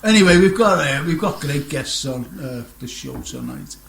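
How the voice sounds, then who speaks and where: A middle-aged man hosts a radio chat show, rambling from one thing to the next and laughing at his own jokes. His voice sits a touch high and has a gravelly edge. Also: expressive, moderate pace, a bit bright, slight background noise. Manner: jokey, rambling, laughs often. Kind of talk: casual chat show banter.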